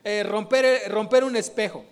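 A man's voice: high voice, fairly even intonation, normal speed. A man giving an informal sermon, chatting to his congregation and tossing in rhetorical questions.

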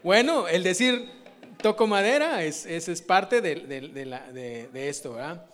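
Male preacher, high voice, chatty sermon delivery, constant rhetorical asides. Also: unhurried, fairly bright tone. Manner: conversational, rhetorical questions to the congregation. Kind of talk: informal sermon teaching.

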